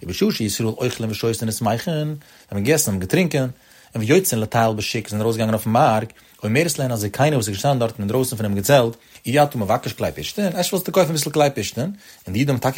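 A man with a husky, slightly breathy voice gives a Torah lecture at a brisk pace. He pronounces the way. He draws out the verses he quotes, then hurries through his explanation of them. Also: mid-range voice, lively intonation, a little mellow. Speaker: Torah teacher.

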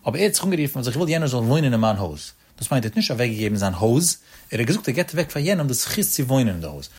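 A man's voice: medium pitch, very animated, very fast, darkish tone, slightly rough. A man giving a traditional religious text-study lesson, explaining step by step in a sing-song cadence and repeating the key terms.

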